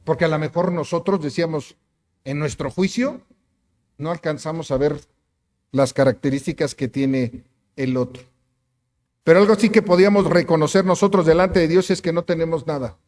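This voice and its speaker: A man's voice: fairly high pitch, normal speed, a little mellow, in a large hall. A man preaching a sermon as pastor, emphatic, asking the congregation rhetorical questions. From Mexico. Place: church sanctuary.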